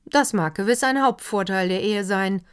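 A woman's voice: medium pitch, normal speed, clean tone, voice pushed up, close to an everyday voice. A woman reading an audiobook, voicing a dry, offhand young nobleman.

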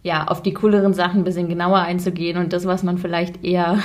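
A woman's voice: lowish voice, little pitch movement, fast talker. A woman in her twenties co-hosting a casual podcast chat, talking freely with frequent fillers and laughs. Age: 20s. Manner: chatty, laughs often, many fillers. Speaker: podcast co-host.

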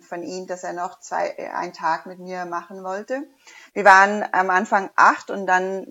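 A Danish-speaking diving instructor, a woman with a mid-range, somewhat bright voice, chats casually in an interview. She sounds hesitant, with many fillers and restarts, and the sound is lo-fi.

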